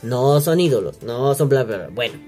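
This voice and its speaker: With faint music behind him, a mid-range, mellow-voiced man with a Mexican accent hosts a vaping podcast, animated and at a moderate pace. His casual rant is crude, slangy, profane and mocking, and he acts out the voices he quotes, recorded on a single home setup.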